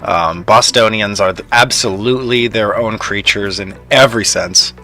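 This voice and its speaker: A man's voice: on the low side, moderate pace, bright, forceful tone, faint music behind. A young man from Canada streaming a factory game, chatting casually with his viewers and laughing often. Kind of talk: casual live stream chat.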